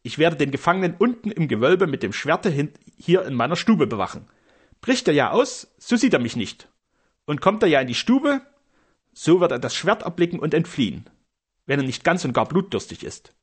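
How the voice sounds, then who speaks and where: A blustering old castle steward, proud of imagined heroics, as a male narrator puts him on. He talks in a raised, swooping voice with a husky edge. It is a storybook reading. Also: fairly high pitch, very animated, moderate pace. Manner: pompous, theatrical bluster.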